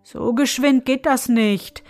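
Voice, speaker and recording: A woman voicing a fearless young male student who talks calmly and quickly. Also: sits high, faint music behind. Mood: cool. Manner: calm, quick and cheeky.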